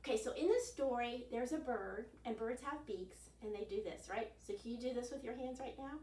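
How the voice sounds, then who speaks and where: Warm and brisk, with a fairly high voice, a woman in her sixties leads a children's storytime that encourages joining in. The camera mic sits a few metres away in her carpeted home living room, making the recording roomy.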